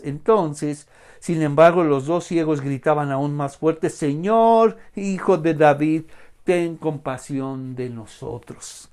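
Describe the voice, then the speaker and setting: Male preacher, online sermon, lively delivery built on rhetorical questions. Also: fairly high pitch. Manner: animated, full of rhetorical questions.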